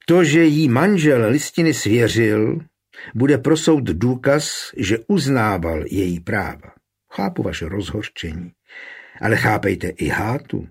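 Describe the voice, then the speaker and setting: A man reading an audiobook, voicing a shrewd, calm burgomaster who argues law coolly. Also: medium pitch, vocal fry, breathy edge. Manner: composed, sly, lawyerly. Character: shrewd, calm, short plump male burgomaster. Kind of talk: audiobook character voice.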